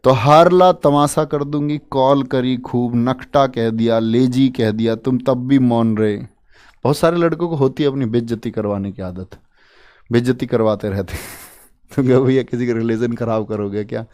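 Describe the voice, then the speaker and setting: A medium-pitched, mellow male voice at an ordinary speed leads an exam-prep session. His style is easygoing and fun, using silly memory tricks to coax learners along. He talks conversationally and keeps calling everyone "bhai."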